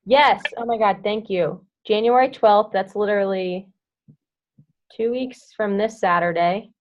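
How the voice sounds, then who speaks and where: A woman's voice: medium pitch, unhurried. Young woman, team coach, casual and rambling with lots of fillers. Lo-fi, muffled audio. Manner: chatty, heavy use of "like" and "um", hums filler sounds. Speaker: team coach leading a group call. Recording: dull lo-fi audio.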